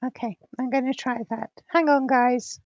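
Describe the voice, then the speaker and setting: A woman's voice: sits high, steady tone, normal speed, no echo, muffled recording. A woman co-hosting a casual livestream chat, her voice coming through glitchy, robotic voice-chat distortion. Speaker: livestream co-host asking questions.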